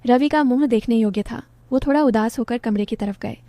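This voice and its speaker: A woman narrating a romantic family story in the first person, calm and even. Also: on the high side, brisk, no echo.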